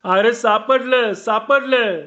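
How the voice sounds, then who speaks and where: A man voicing an excitable, muddled village man who talks in a high, excited voice. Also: slow. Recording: dull lo-fi recording.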